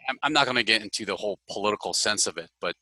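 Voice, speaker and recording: In a casual interview chat, a middle-aged podcast guest from Hawaii spins stories at a very fast clip, frequently adding "right?" to what he says. His voice is fairly low, sharp in tone, with lively intonation, and there's no room sound.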